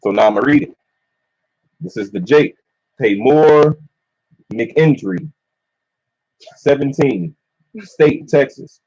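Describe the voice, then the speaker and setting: A man's voice: medium pitch, slow, long pauses, a little mellow. A man in a casual religious discussion, reading out case details and chatting in casual slang. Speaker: discussion participant. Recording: dull lo-fi recording.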